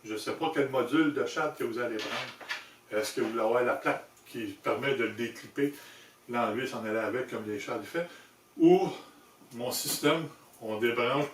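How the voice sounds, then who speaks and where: A man with a Québécois French accent giving an informal hands-on product demonstration, explaining in a halting way with self-corrections. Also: mid-range voice, fairly bright tone. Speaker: presenter demonstrating motorcycle gear he designed. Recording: echoey room, distant mic, handling noise.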